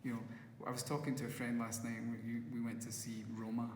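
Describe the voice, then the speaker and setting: Speaking fast in a completely flat, darkish medium-pitched voice, this Scottish man with a Glasgow accent rambles through interview answers, full of restarts and acted-out quotes. He is a musician turned first-time filmmaker, recorded at a festival venue in an echoey hall with faint ambience and slight background noise.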